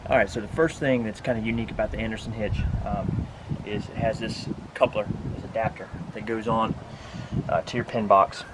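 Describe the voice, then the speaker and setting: Next to a pickup truck bed outside, a man gives an informal, instructive equipment walkthrough for his RV vlog. He talks briskly in a lowish voice with fairly even intonation, and the recording is very noisy.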